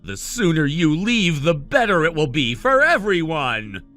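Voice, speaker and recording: An actor playing an arrogant young medical-student brother in a family drama, talking in a condescending, cutting and dismissive way. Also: male voice, on the high side, sing-song, a little slow, sharp tone, soft background music, full character voice. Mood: cold, dismissive. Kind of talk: dramatized family-conflict story dialogue.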